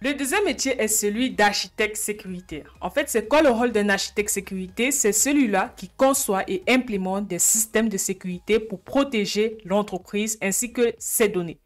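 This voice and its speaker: A woman's voice: medium pitch, moderate pace, hardly any pauses, faint music behind. A woman presents an informal explainer in a mid-range voice. She talks to viewers as a channel host, setting up questions and then answering them herself.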